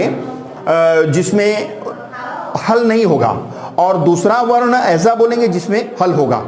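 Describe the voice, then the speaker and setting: A high-pitched man teaches Sanskrit grammar classroom-style, reciting syllables one by one in slow lists and calling his students "beta." The sound is roomy.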